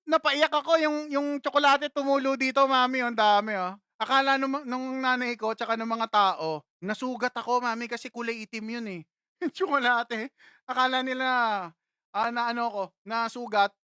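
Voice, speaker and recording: A man's voice: very high voice, normal speed, pushed and bright, smooth, dry recording, studio quality. A man hosting a casual livestream, telling a childhood story in a chatty way, laughing often and talking straight to his viewers. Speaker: livestream host.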